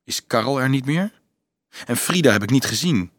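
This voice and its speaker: A man's voice: mid-range voice, expressive, normal speed, a bit bright, no room sound, studio quality. A man doing a wry, easygoing young student. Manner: light, teasing, evasive.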